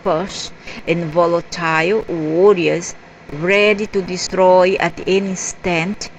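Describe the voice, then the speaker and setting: A woman reading a story aloud in a halting way, spelling out word endings letter by letter. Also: lowish voice, slight background noise, low-quality recording. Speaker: narrator.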